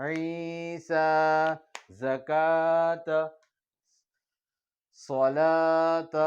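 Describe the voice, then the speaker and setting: A man teaching Quran reading, slowly drawing out each word before quick explanations. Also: mid-range voice, smooth, lo-fi sound. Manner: slow drawn-out recitation between quick explanations. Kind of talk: recorded Noorani Qaida lesson.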